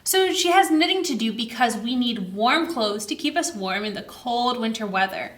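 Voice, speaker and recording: With a somewhat high voice and a reverberant sound, a woman reads a picture book to children at story time. Her delivery is expressive and deliberately slow, and she keeps asking the young audience questions.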